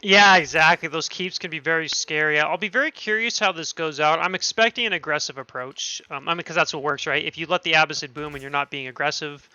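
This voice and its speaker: A man's voice: a little high, quick pace, few pauses, pushed and bright, clear, resonant tone, dry recording, lo-fi sound. A man casting an esports match on his stream, chatty and thinking aloud, often correcting himself. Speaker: streamer and caster. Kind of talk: esports commentary.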